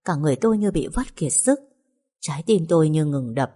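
A woman reading a first-person story aloud in a slow, sorrowful way. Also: deep voice, lively intonation, mellow, slightly rough. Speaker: audiobook narrator.

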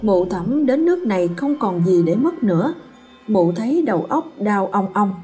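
A woman telling a ghost story in a steady, dramatic way. Her voice is dark and mellow, with faint music playing under the narration. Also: medium pitch, moderate pace. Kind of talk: scripted horror story narration.

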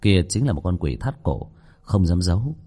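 A man doing a calm restaurant owner who cooks for ghosts. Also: low voice, moderate pace, husky, full character voice. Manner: composed, faintly teasing, commanding with the ghost.

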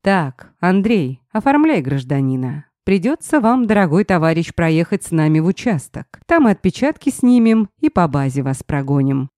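A woman's voice: on the low side, very animated, moderate pace, hardly any pauses, mellow, no echo, studio quality. A woman voicing a mocking, intimidating male police sergeant. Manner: sneering, intimidating.

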